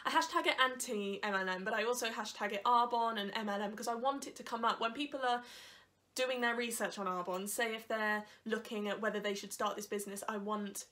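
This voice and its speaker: A young woman YouTuber chats candidly to a camera on the desk in front of her in her living room, laughing between points. Hay fever has left her nose congested. Her fairly high voice is pushed and bright, fairly quick, with fairly even intonation.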